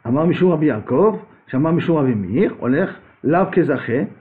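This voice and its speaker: A man's voice: on the high side, animated, moderate pace. A man teaching a Talmud lesson as a rabbi, reading Aramaic phrases and then explaining them in with frequent restarts. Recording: tinny phone-like recording.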